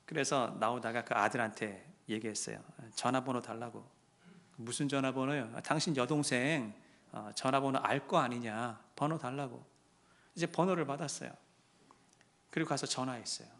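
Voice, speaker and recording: A male pastor telling a story in his sermon, dropping to a hush and then rising loud and impassioned. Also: mid-range voice, moderate pace. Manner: swings from hushed to loud and impassioned.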